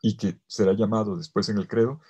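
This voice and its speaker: A priest teaching theology to a remote audience, his voice low, dark and a little husky. He moves from forceful emphasis down to near-whispered phrases. He slows right down on the words he wants to land. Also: fairly even intonation, highs cut off. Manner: swings between loud emphasis and soft, almost whispered phrases; stretches key words slowly for weight. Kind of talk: theology lecture to a virtual audience.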